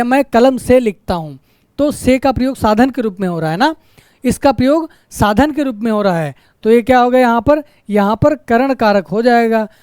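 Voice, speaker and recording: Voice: mid-range voice, darkish tone, smooth, dry recording, studio quality. A grammar teacher explaining a lesson, repeating example sentences and asking rhetorical questions with a frequent tag question.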